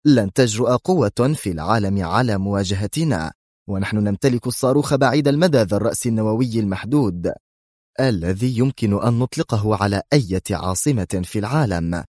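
A man voicing a commanding male army general urgently shouting to his men. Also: on the low side, expressive, brisk, no room sound, studio quality.

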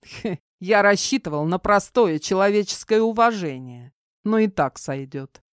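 A woman reading an audiobook, voicing a gruff young man who grumbles and teases dryly. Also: mid-range voice, animated, a little slow, no echo, clean studio sound, voice pushed up, close to an everyday voice. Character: young man survivor, gruff, wry and protective.

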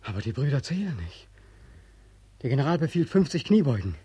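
An actor playing a bitter, sleepless young soldier back from war, in 1940s radio drama style, speaking intensely and accusingly with a husky voice. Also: male voice, mid-range voice, sing-song, brisk. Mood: haunted. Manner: intense, accusing, swings from hushed to loud. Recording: old radio drama recording.

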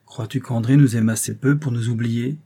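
A man's voice: medium pitch, normal speed, husky. A man voicing a mild, placating husband. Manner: calm, placating. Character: conciliatory middle-aged husband, mild and reasonable.

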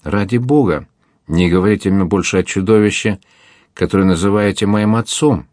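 A fierce, anguished young captain, as a man reads him aloud pours out his words in an impassioned, declamatory way. The voice sits very low and the sound is dry and close, like an audiobook. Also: normal speed, a little mellow, dry recording, close to an everyday voice. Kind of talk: audiobook character reading.

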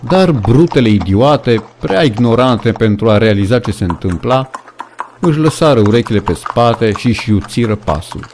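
A man's voice: on the low side, expressive, background noise. A man reading a novel aloud as an audiobook narrator, with dramatic storytelling. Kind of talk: scripted narration.

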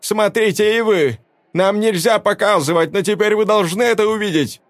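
A man reading a story aloud voices a desperate young woman who shouts through tears at a cowering crowd. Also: mid-range voice, moderate pace, no echo, voice pushed up, natural voice. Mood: furious accusing. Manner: shouting, tearful, defiant.

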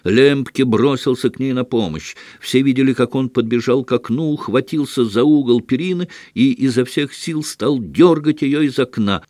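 A man reading a classic novel aloud as scripted literary narration, measured and steady. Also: medium pitch, dry recording, clean studio sound. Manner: measured reading with acted outbursts. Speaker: audiobook reader.

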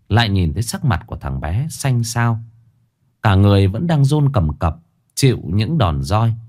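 Expressive ghost-story narrator. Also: male voice, on the low side. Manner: dramatic, expressive reading.

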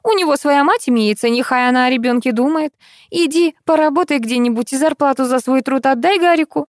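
A woman doing a shrill nagging middle-aged mother. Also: fairly quick, a little mellow, no room sound, clean studio sound, close to an everyday voice. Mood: indignant. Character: loud scolding middle-aged mother, shop owner.

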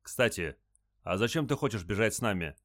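Guy doing a firm starship captain, lowish voice, dry close sound. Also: animated, brisk, fairly bright tone, dry recording. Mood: commanding. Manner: firm, commanding. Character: stern starship captain, male adult, commanding.

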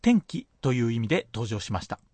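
A man's voice: mid-range voice, sing-song, a little fast, a little mellow, no echo. A man teaching a radio language lesson, patiently explaining pronunciation point by point.

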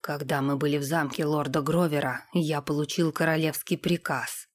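An imperturbable male soldier in a storybook, low and dry, voiced by a woman reading aloud. He reports grim orders in a flat, measured deadpan, quiet and unbothered. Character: unflappable male royal soldier, dry and calm.

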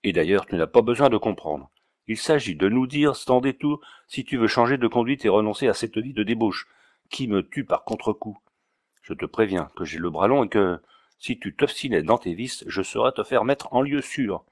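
A man's voice: on the low side, lively intonation, normal speed, no echo, studio quality. A man reading the part of a vain, wealthy male notary who speaks curtly and with contempt in an audiobook. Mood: contemptuous. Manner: curt and contemptuous.

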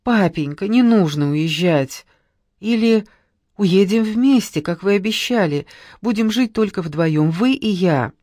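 A woman voicing an anguished young girl who begs her father not to leave, her voice rising and loud. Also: medium pitch, lively intonation, measured pace, no room sound, studio quality, lightly acted. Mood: pleading.

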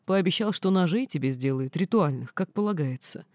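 A woman's voice: fairly low pitch, animated, brisk, darkish tone, no echo, studio quality, lightly acted. A woman voicing a stern young male archmage who speaks plainly and matter-of-factly in a storybook reading. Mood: puzzled.

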